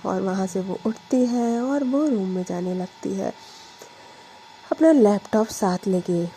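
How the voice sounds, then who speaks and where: A woman's voice: mid-range voice, animated, a little slow, mellow, faint music behind, low-quality recording. A woman storyteller narrating a romance story in a chatty, casual way, dropping in English fillers.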